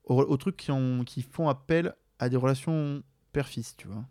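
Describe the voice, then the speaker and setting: A man's voice: medium pitch, normal speed, warm tone, no room sound, clean studio sound. Slangy man speaking loosely. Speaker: interviewee. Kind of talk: casual interview answer.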